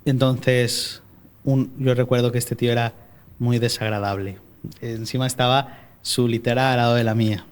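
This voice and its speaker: A clear, resonant mid-range voice with a steady tone and moderate pace belongs to a young man recounting his faith journey in casual podcast talk. Raised in Spain after being born in Mexico, he speaks with a Málaga accent tinged by Mexican traces, often hesitating and starting over.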